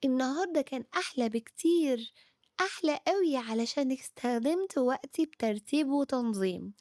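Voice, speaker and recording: A woman with an Egyptian Arabic accent voicing a little boy who keeps putting things off, pleading and excitable. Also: high voice, fairly quick, no room sound, studio quality. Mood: cheerful.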